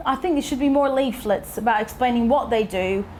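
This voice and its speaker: A woman's voice: on the high side, fairly quick, darkish tone, slight background noise. A woman from Portugal with a Portuguese accent, chatting casually in an interview with plenty of fillers. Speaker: local resident.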